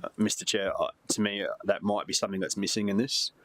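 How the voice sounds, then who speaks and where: An Australian man speaking as a councillor in a committee meeting, making measured points to the chair. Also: on the low side, level tone, a bit bright, no room sound.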